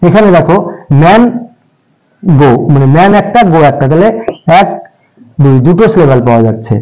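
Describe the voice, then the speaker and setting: A man's slightly high voice explains a grammar lesson with patience. He goes over each point more than once, and he draws out example words slowly, one part at a time. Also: lively intonation, darkish tone, poor audio. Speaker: English grammar teacher. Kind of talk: classroom-style explanation in Bengali.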